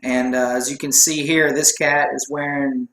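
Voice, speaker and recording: A man co-hosts a casual sports chat show, rambling and making self-deprecating jokes. His medium-pitched voice is fairly bright, delivered flatly at a normal speed in an echoey room.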